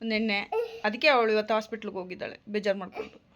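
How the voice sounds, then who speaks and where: A young adult woman in a casual home vlog, talking in a gentle, coaxing and reassuring way as a mother soothing her child. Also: medium pitch, steady tone, fast.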